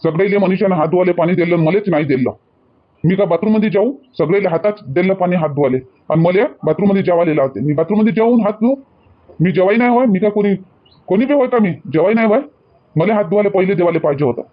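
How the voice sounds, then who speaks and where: A man's voice: sits high, fast talker, lo-fi sound, lightly acted. Man playing an indignant young son-in-law. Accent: Varhadi Marathi. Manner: aggrieved, repeats himself while complaining. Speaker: actor in a village comedy skit. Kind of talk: rural comedy skit acting.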